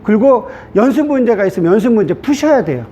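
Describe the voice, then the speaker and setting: A man's voice: sing-song, fast talker, dark tone. A middle-aged man, a pastor, giving a chatty classroom lecture on the Greek alphabet, checking in with the class often. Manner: chatty, repetitive, asks class "됐죠?". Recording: dull low-fi sound with faint hiss.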